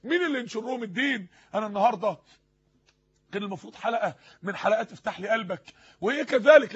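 A man's voice: very high-pitched, husky, dull audio. A man from Egypt with an Egyptian Arabic accent preaching a fervent sermon, pleading and firing repeated rhetorical questions. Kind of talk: impassioned sermon.

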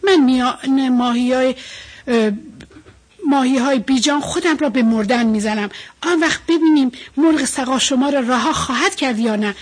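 Bold little fish, scornful and firm, high husky voice, woman reading.

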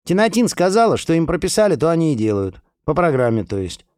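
A man voicing a blunt, cheeky young man who reasons in a lively, offhand way. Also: a little high, fast talker, no room sound, clean studio sound, voice pushed up.

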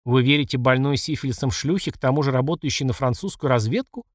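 A man's voice: medium pitch, quick pace, no echo, clean studio sound, natural voice. Man reading a proud, defiant young woman. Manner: haughty, sharp retorts.

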